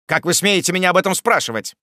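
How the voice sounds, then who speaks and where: A brash, insolent young rogue from a storybook, put on by a male reader. He talks defiantly in a lively, raised voice, recorded close and dry. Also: on the high side, fairly quick, no room sound, voice pushed up. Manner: bold, defiant, commanding.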